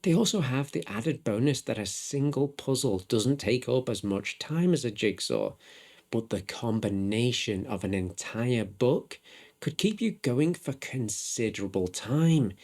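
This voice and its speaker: A man talking through a hobby challenge in a casual vlog. He sounds relaxed, chatty and self-reflective. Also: medium pitch, unhurried, gravelly. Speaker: hobby vlogger. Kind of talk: casual vlog narration and updates.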